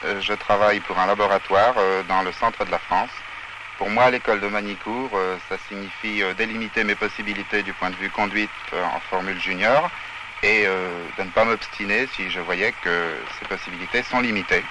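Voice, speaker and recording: A low-voiced man in his twenties introduces himself as a racing student. He halts often with fillers. A clear hiss sits under the old film sound. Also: steady tone, a little fast. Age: 20s. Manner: hesitant, many fillers. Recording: hissy 1960s film sound.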